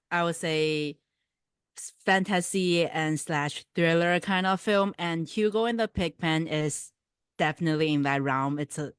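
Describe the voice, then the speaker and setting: Low-voiced woman. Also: clear, resonant tone, no room sound, clean studio sound. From Taiwan. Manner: thoughtful, searching for words, restarts. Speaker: filmmaker and producer. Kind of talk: Q&A answers.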